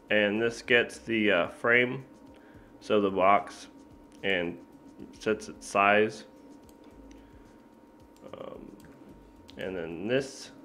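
Laid-back slow-talking man explaining code. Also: fairly low pitch, a bit bright, slight background noise. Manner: laid-back, filler-heavy, thinking aloud with self-corrections. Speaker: programming tutor. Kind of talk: casual screen-recorded coding tutorial.

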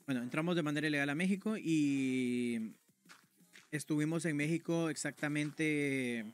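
A man's voice: on the high side, normal speed, clean tone, soft background music. A man from Guatemala with a Mexican accent, telling a story to his stream chat in a crude, slangy, casual way. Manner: slangy, crude, keeps tagging "güey".

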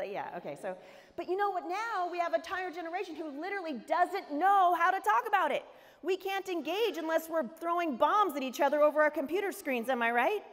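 A middle-aged American woman giving a humorous storytelling sermon, acting out the people in her story. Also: sits high. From United States. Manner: animated, humorous storytelling with character voices. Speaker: speaker. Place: large event hall. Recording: echoey hall reverb.

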